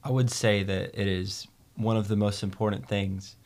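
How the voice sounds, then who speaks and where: A young man guest speaking in a measured, polite and thoughtful way. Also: fairly low pitch, fairly even intonation, a little mellow. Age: young adult. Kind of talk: casual conversation.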